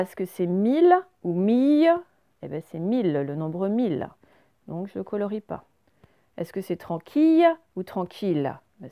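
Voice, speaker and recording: Woman, schoolteacher, reading lesson for small kids, slow careful explaining, medium pitch, dry close sound. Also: dark tone, no room sound. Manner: slow, clear, explains each word step by step. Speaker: teacher. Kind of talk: recorded reading lesson for young children.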